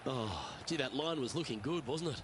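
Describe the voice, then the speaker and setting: A man voicing a measured golf commentator for a game, giving short, understated remarks on each shot. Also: mid-range voice, expressive, a crowd in the background, lightly acted. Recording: clear outdoor ambient noise.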